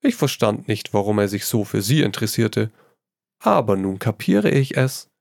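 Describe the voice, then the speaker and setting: A man with a lowish, gravelly voice and a moderate pace reads aloud as a worldly, witty painter poking fun at his friend. The delivery is lively and amused, with French phrases tossed in, captured in studio quality without echo.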